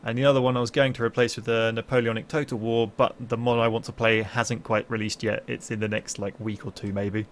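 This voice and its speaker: Young male streamer, dry and deadpan, casual chat over gameplay with faint noise behind. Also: mid-range voice, brisk, few pauses. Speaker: streamer and game commentator.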